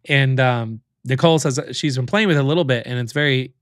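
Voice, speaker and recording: A man's voice: mid-range voice, quick pace, clear, resonant tone, no echo, studio quality. A man hosting a casual livestream, thinking aloud as he clicks through a tool, with loose fillers and restarts. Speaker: livestream host demoing software.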